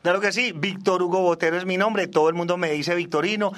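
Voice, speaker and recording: Here a salsa singer and trombonist in his forties, an Australian who speaks English natively, chats informally as a guest in a radio interview. He talks fast in a high-pitched, somewhat bright voice, his intonation fairly even.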